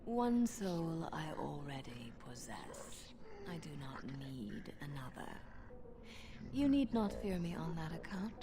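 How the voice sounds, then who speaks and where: An actress playing a scheming female demon in a video game, her slow, half-whispered lines sounding layered and demonic. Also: deep voice, big pitch swings, a crowd in the background, heavily acted. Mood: coaxing, menacing. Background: game music.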